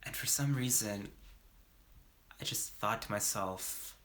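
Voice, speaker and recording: A young male actor performing a dramatic monologue as a remorseful young ex-drug dealer, talking in a halting, slangy way full of fillers and restarts. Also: fairly low pitch, bright, forceful tone. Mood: earnest.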